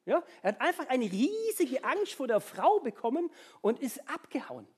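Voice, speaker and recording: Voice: high voice, moderate pace, husky. A preacher retells a Bible story in a chatty sermon and keeps asking "ja?" to check in with listeners. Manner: chatty, tags nearly every sentence with a questioning "ja?"; animated storytelling with sound-effect sighs.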